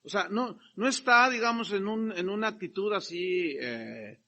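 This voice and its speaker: Animated, high-voiced preacher. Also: male voice, a little slow, muffled recording. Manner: animated, emphatic, acts out quotes. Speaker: pastor. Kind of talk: sermon.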